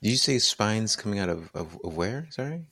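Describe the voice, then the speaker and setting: A man playing a tabletop game, chatty and casual, asking quick questions. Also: fairly low pitch, animated, fairly bright tone. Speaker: player.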